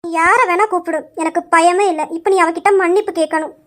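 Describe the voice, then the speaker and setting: A woman's voice: very high voice, fairly even intonation, brisk, fairly bright tone. A woman playing a stern young heroine. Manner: stern, commanding. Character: proud young woman of the house, firm and protective. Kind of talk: amateur Tamil story drama.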